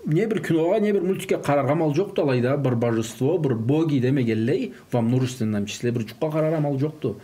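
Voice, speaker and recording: Talking fast with few pauses, this native Karachay-Balkar speaker has a fairly high, warm, animated voice. He's in a casual religious conversation about child-rearing, slipping Russian words and phrases into his speech.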